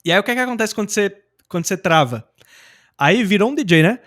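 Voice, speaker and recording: A young adult man from Brazil, an English teacher, explaining in a casual, slangy and animated way. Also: sits high, fast talker. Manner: animated and slangy, acting out example phrases.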